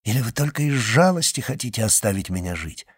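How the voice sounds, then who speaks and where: A man reading an audiobook and voicing a resolute young man in love, speaking low and solemnly. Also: big pitch swings, a little fast, husky, no echo, studio quality. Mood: grave. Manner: low, earnest, solemn vows.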